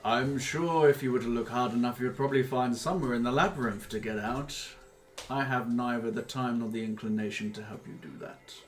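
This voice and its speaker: A man's voice: medium pitch, brisk, a little hiss or hum, lightly acted. A man voicing a haughty, menacing guardian of a treasure hoard in a tabletop game, formal, curt and condescending. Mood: dismissive, sardonic.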